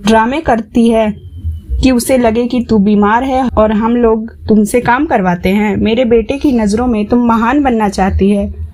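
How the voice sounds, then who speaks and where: Brief: bitter older mother-in-law, sharp high taunts, storybook, narrator doing her. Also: a little slow. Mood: scolding. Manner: shrill taunting scolding.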